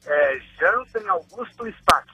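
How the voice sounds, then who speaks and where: A man's voice: sits high, lively intonation, takes it slowly, lo-fi sound, music in the background. A man, calling a radio show over the phone from a car in traffic. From Santo André, Brazil. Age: 30s. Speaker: radio caller. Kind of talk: casual phone chat. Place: on a highway in traffic.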